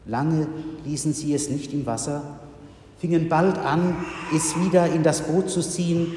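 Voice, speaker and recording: A male pastor giving a sermon in a slow, measured way with solemn pauses, in a church. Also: fairly high pitch, background noise. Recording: reverberant church hall.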